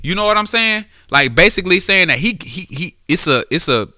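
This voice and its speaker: A man's voice: high voice, animated, brisk, sharp tone, no room sound, studio quality. A man hosting a solo podcast, talking casually and profanely about sports, with frequent restarts and self-corrections. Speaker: podcast host; former quarterback.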